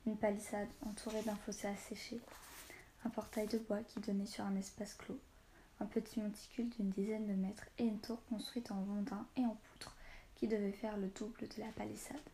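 A woman narrating a storybook in a calm, measured way. Her tone is mellow and dark-edged rather than bright. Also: mid-range voice, a little hiss or hum. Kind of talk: storybook reading.

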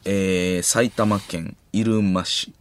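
A young man with a Kansai accent, hosting late-night radio with quick teasing banter and mock outrage. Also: deep voice, steady tone, a little hiss or hum. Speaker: radio host. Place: radio studio.

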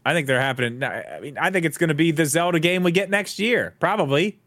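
Lively high-voiced man on a podcast. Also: fast, dry recording. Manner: lively, teasing, drops to mumbles. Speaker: podcast co-host. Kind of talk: casual chat.

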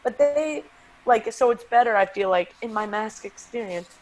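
A woman's voice: on the high side, moderate pace, low-quality recording. Chatty young woman podcast co-host. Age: 20s. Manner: chatty, laughing, filler-heavy. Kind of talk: casual chat.

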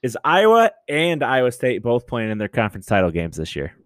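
A man's voice: mid-range voice, huge pitch swings, brisk, dry recording, clean studio sound. A man co-hosting a casual sports chat, easygoing and loose, often restarting his sentences. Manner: easygoing, hesitant restarts, laughs along. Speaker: sports podcast co-host.

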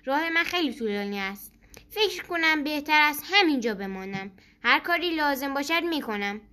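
A woman doing a high little frog. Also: expressive, pushed and bright. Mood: earnest. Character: small frog, childlike and earnest.

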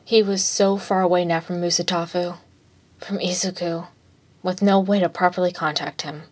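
Woman reading fanfic out loud, kinda low voice, steady and plain. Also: moderate pace. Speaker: narrator. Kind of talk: reading fan fiction aloud.

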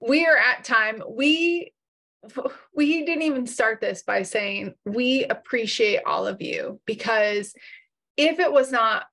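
A woman's voice: on the high side, takes it slowly, fairly bright tone. Laid-back woman podcaster, morning voice, lots of laughs and rambling. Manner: chatty, laughs often, self-teasing. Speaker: podcast co-host. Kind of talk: casual podcast chat.

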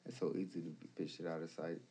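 A man with a Detroit accent in casual podcast chat, halting and repeating words before finishing a thought. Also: a bass voice, level tone, mellow, husky. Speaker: podcast co-host.

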